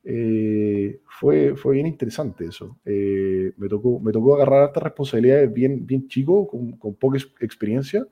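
A young Chilean man with a Chilean accent, a startup co-founder talking casually as a guest, halting and restarting his sentences often. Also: mid-range voice, lo-fi sound. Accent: Chilean Spanish. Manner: relaxed, halting, many restarts and fillers. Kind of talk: casual conversational interview.

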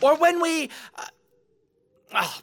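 A man playing a sarcastic, self-serving rogue supervillain in an audio drama, with a dramatic, drawn-out delivery. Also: very high voice, animated, creaky, heavy background noise, full character voice. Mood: nervous pleading. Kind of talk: theatrical audio drama acting.

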